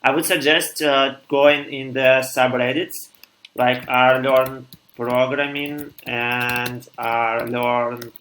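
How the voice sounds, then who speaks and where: A young man in his twenties from Russia with a Russian accent, thinking aloud haltingly as he codes on a live stream and answers chat. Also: mid-range voice, flat delivery, fairly bright tone, reverberant, slight background noise, rough recording. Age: 20s. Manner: halting, thinks aloud with many pauses and restarts.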